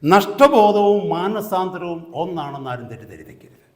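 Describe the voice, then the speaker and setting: A male pastor preaching a sermon, swinging from quiet talk to loud rising exhortation and slipping slow English phrases into his preaching. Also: high-pitched, lively intonation. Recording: echoey hall sound.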